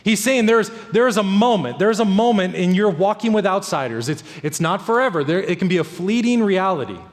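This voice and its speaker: A man's voice: sits high, lively intonation, brisk, big-room sound. A male pastor preaching a sermon in an earnest, emphatic way, repeating key phrases. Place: church sanctuary.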